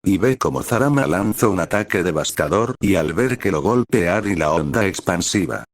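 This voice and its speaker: A man's voice: sits low, expressive, normal speed, dry recording, studio quality. A man narrating an amateur fan fiction story in a plain, repetitive reading manner. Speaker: fanfiction reader.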